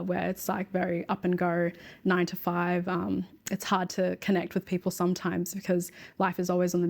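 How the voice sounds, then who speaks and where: Young aussie woman being interviewed, lowish voice, pretty flat delivery, thoughtful and measured. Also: gravelly. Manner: reflective, measured storytelling. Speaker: interview guest. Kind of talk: casual interview.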